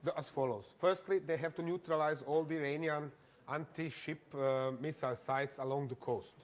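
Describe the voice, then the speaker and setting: Methodical male analyst, slightly high voice. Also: steady tone. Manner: methodical, deliberate, pointing things out step by step. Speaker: military analyst guest. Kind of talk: expert briefing on a news show.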